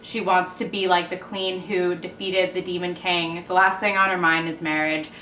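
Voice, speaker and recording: A woman's voice: on the low side, level tone, normal speed, pushed and bright, a little hiss or hum. A young woman co-hosting a casual book haul chat, giggly and chatty. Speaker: booktube co-host. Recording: echoey room, from a distance.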